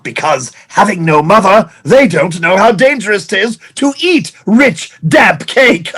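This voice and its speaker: An actor playing a vengeful, scheming pirate captain in an audio play, with a grandiose, drawn-out, melodramatic delivery. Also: male voice, mid-range voice.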